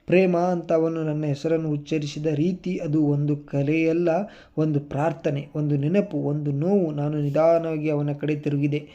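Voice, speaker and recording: A man narrating a first-person story in a calm, measured and emotive way, as the channel's storyteller. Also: fairly high pitch, dull audio.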